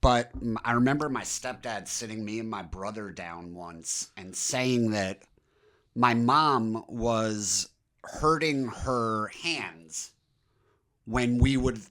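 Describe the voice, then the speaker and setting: A man in casual podcast chat, speaking in a deadpan way. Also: on the low side, takes it slowly.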